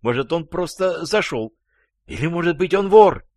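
A man voicing a frightened, shrill adult woman in a read-aloud story. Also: expressive, normal speed, a little mellow, no room sound, clean studio sound. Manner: shrill, squealing.

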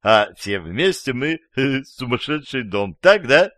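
Мужчина изображает язвительного ревнивого любовника. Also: male voice, mid-range voice, very animated, slow pace, a bit bright, no echo, studio quality. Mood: mocking, angry. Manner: sarcastic, gloating. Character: angry mocking man, jealous lover.

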